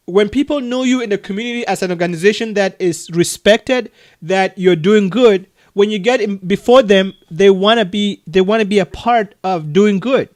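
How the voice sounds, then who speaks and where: Man from Cameroon, Cameroonian accent, high voice, earnest and halting over a video call. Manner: earnest, many restarts and soft laughs. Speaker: adoption agency leader. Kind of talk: casual video call conversation.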